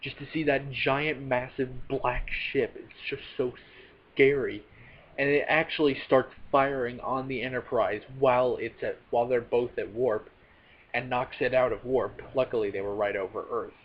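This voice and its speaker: A man's voice: medium pitch, steady tone, normal speed. A man casually recapping a film plot as a reviewer, rambling with many fillers and self-corrections. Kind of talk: casual spoken movie recap. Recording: dull lo-fi recording with faint noise.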